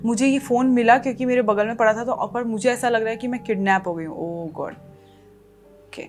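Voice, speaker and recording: A young woman casually reading out a creepy text story and reacting to it, animated and mixing English phrases into her talk. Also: on the high side, fairly quick, soft background music. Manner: animated, mixes English into chat, reacts with gasps and laughs. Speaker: YouTuber reading creepy texts. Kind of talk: casual storytelling read-aloud.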